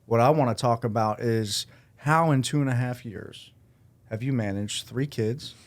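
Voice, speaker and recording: A man hosting a podcast, relaxed and upbeat, talking in a casual, slangy way with his guest. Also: mid-range voice, moderate pace. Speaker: podcast host. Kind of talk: casual interview chat.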